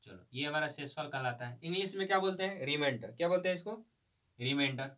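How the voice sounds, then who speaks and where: A man teaches a math class in a slightly high, somewhat bright voice at a fast clip, drilling terms through call-and-response questions. He quizzes students repeatedly and spells terms out letter by letter, captured in a distant, dull, lo-fi recording.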